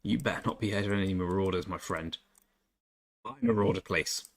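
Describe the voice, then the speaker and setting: Low-pitched and fairly quick, his speech has noticeable vocal fry. The young English gamer keeps up casual stream chatter, reading the chat out and cracking self-deprecating jokes.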